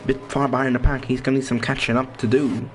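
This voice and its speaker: A man's voice: medium pitch, little pitch movement, fast talker, slight background noise. A man giving casual commentary on an online racing league, rambling, stumbling over names and words, with his voice cracking. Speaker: race commentator.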